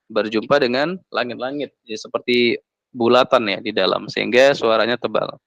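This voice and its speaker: A man's voice: mid-range voice, steady tone, normal speed, vocal fry, fairly bright tone, no room sound. A man teaching Quran recitation, patiently demonstrating letter sounds one by one. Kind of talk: classroom lesson on letter articulation. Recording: dry, dull lo-fi recording.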